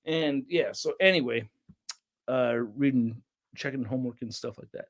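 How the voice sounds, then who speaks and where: A young man hosting a casual toy channel livestream, rambling and reading chat names aloud with excitable bursts. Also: mid-range voice, normal speed. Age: young adult.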